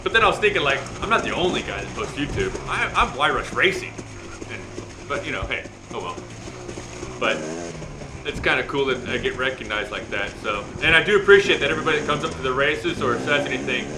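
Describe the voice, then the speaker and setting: Male motovlogger, chatty and self-deprecating race commentary, fry in the voice, recorded roomy with clear vehicle noise. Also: medium pitch. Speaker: motovlogger and amateur dirt bike racer. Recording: roomy echo, loud engine and ambient noise.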